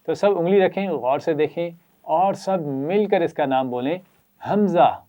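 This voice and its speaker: A man's voice: a little high, muffled recording. A man teaching children a Quran reading lesson with a Pakistani Urdu accent. He praises them often and leads them in repeating letters and sounds.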